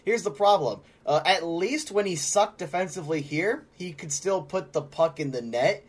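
A man's voice: high voice, expressive, moderate pace. A man co-hosting a casual hockey podcast, talking in a sarcastic, joking way and laughing often. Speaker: podcast co-host. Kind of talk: casual sports chat.

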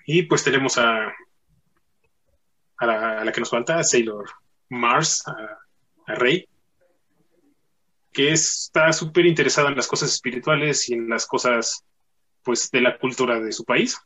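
A man hosts a loose, joking podcast chat. He talks in a bright, forceful voice and fills it with plenty of pauses and fillers. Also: mid-range voice, rough recording. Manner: chatty, joking, with many fillers. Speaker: podcast host. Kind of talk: casual chat.

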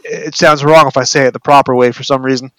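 An American man hosts a casual interview. His voice is smooth and clear, at a middling pitch. The recording is dry, with little room sound. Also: fairly even intonation, quick pace, no room sound. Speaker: podcast host.

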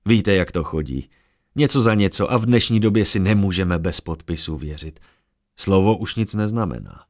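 A man voicing a young, greedy, slick squire who works crowds like a showman. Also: expressive. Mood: smooth. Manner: loud barker-style pitching.

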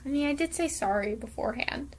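A woman's voice: high-pitched, lively intonation, fast, a little hiss or hum. A young woman hosting her podcast, chatting casually and playfully with her sister, laughing and teasing as they talk. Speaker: podcast host.

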